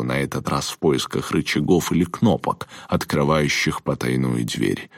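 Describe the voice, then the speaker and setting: A man narrating an audiobook chapter in a measured, steady storytelling manner. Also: rumbling low, creaky, dry recording, studio quality. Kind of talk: scripted narration.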